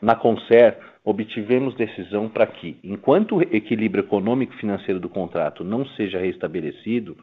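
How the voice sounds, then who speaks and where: A man's voice: fairly low pitch, brisk, hardly any pauses, husky. A Brazilian man, a finance executive, giving a prepared earnings presentation in a formal, businesslike way. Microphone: telephone conference call. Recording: tinny, narrow phone line.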